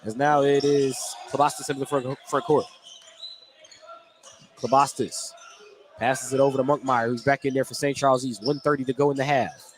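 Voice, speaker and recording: A man gives live play-by-play radio commentary on a basketball game in an indoor school gym, using short, clipped phrases. His voice is medium-pitched and steady at a moderate pace with frequent pauses, over loud game noise, clicks and a bouncing ball.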